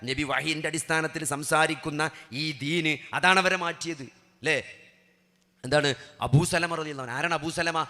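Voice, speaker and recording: Impassioned preacher, bright voice. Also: male voice, a little high, fairly even intonation, moderate pace. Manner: impassioned, swings from hushed to loud emphatic preaching; rhetorical questions to the audience. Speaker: Islamic preacher. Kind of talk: sermon. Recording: echoey hall with long reverb.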